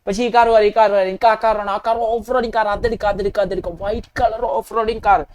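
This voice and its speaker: An impulsive, excitable young man, played by a woman in a fan game video. He talks in short, repeated bursts and keeps up a casual running commentary. His voice sits at an everyday middle pitch. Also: fast, lightly acted. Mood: chatty. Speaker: game video narrator voicing the player character.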